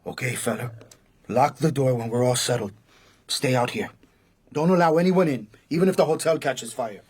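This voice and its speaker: Speaking at a moderate pace in a mid-range, slightly mellow voice close to everyday speech, a man voices a radio drama's cartel-chairing American assassin. The character is ruthless and mocking, delivered huskily and with command, and there's no echo.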